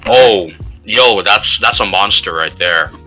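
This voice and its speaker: A man hosting a podcast in casual chat, easygoing and quick to laugh. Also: deep voice, pushed and bright, soft background music.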